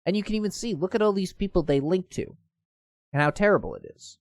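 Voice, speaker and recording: A man's voice: sits high, quick pace, no echo, studio quality. A man hosting casual online news commentary, reading posts aloud and stumbling now and then. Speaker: host.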